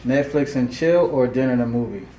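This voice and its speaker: A man's voice: mid-range voice, fairly quick, warm tone. A man, interviewing in a casual, chatty style. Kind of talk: casual chat and quick-fire questions. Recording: echoey room with faint music.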